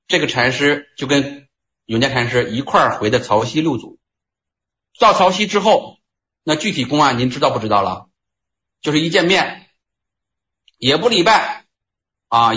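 A man leads a Buddhist study group, retelling a Zen story in a loose, chatty way that keeps restarting phrases. His voice sits a touch high and sounds roomy and dull, like a lo-fi recording in an echoey room. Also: animated, normal speed, pauses often, bright, forceful tone.

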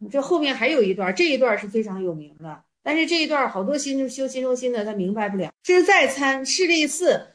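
A woman's voice: sits high, lively intonation, fast talker, hardly any pauses, fairly bright tone. A woman teaching Buddhist stories in a casual talk, explaining and repeating her points. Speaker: dharma teacher.

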